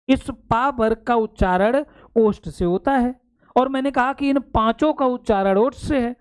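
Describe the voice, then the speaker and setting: एक पुरुष हिंदी शिक्षक, जो परीक्षा की तैयारी के लिए कक्षा में समझाता है और बार-बार पूछता है कि बात समझ आई या नहीं।. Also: male voice, extremely high pitch, darkish tone, smooth. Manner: explains step by step, keeps checking understanding; addresses students fondly as "beta". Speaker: Hindi teacher. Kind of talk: exam-prep classroom lecture.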